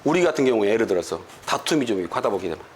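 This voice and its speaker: Talking very fast in a fairly low voice, a man lectures business distributors to motivate them, and a slight hiss or hum runs underneath. His storytelling is animated and full of rhetorical questions, and now and then he performs dialect quarrels in quoted voices.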